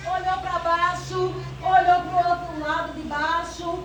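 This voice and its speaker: A woman with a very high voice gives a fervent church testimony, fighting back tears as she calls out praise. She is picked up from a distance in a very echoey hall. A faint hum of the room sits underneath. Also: little pitch movement, a little slow, a bit bright. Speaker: church member giving testimony.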